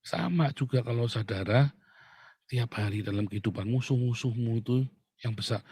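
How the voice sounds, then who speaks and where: A male pastor, preaching in an animated, mocking way that swings from loud outbursts to low asides. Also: moderate pace, breathy edge, no echo, clean studio sound. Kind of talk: sermon.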